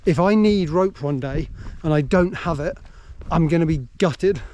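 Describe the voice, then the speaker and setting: An English vlogger chats casually and pokes fun at himself while on a hill walk, filmed outdoors on a handheld camera. His voice is fairly high and darkish in tone, at a normal speed.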